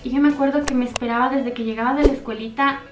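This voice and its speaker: A young woman speaks in a somewhat high voice, telling a personal story from her childhood to her viewers. Her delivery is earnest and intimate. The room gives her voice a noticeable echo. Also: fairly even intonation, fast talker, over music. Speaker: YouTuber. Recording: echoey room.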